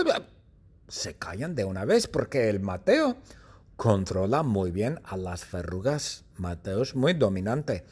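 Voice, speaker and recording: Slow breathy man telling a silly story. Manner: animated and playful, with frequent jumps in pitch. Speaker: language teacher telling a story.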